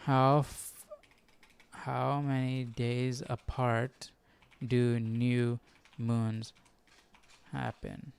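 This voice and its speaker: A man hosting a Bible study livestream thinks aloud casually, sounding tentative and self-questioning and often ending sentences with "right?". His mid-range voice barely moves in pitch, and he speaks extremely slowly and smoothly, with vocal fry and long pauses.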